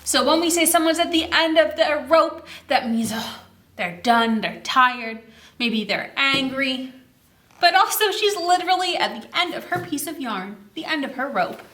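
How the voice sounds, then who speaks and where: In an echoey room, a woman with a high-pitched voice reads a picture book aloud to young children. She hosts the story time expressively, slowing her delivery dramatically and asking her listeners questions.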